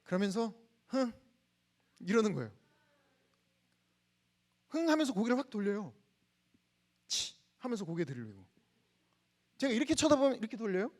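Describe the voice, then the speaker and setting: Guy preaching at campus chapel, pretty high voice, goes soft and hushed telling a story. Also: big pitch swings, very fast. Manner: leads the congregation in reading scripture, asks questions back. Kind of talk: sermon.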